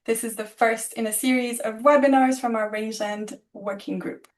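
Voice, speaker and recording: Her fairly high, steady voice carries a friendly introduction of the speakers on an online webinar video call. She hesitates slightly and laughs at her own mistakes, and she is not a native German speaker.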